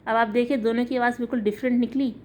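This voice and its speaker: A woman teaches an online lesson. She works patiently through each example, spelling out letters and their sounds slowly so students can follow. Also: on the high side, fairly even intonation, a little mellow. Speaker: Quran reading teacher.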